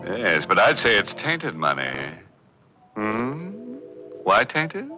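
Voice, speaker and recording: A deep, slow, ghoulish radio host. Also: male voice, wildly swooping pitch, exaggerated voice. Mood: sardonic. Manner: punning gallows jokes, sinister chuckles. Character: sardonic, ghoulish male radio mystery host. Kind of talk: 1940s radio drama hosting. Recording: lo-fi 1940s radio broadcast with organ music.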